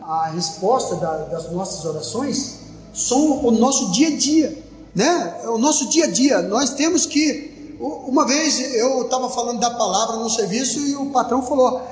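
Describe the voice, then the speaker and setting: A man's voice: very high-pitched, lively intonation, normal speed. A man giving a fervent religious testimony on the radio, telling stories with quoted dialogue. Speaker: lay preacher giving testimony. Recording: echoey hall with faint music.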